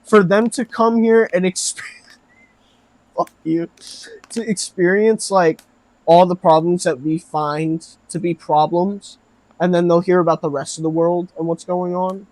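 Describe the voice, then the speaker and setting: Podcast host guy, kinda high voice, rambly chat, swears a lot, dry close mic. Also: flat delivery, unhurried, darkish tone, dry recording. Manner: rambling, swears freely, says bro a lot.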